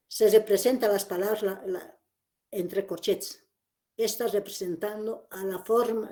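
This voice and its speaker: A woman's voice: fairly high pitch, darkish tone. Woman teaching a phonetics class. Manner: explanatory, repeats key points, checks with "¿no?". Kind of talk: classroom lecture.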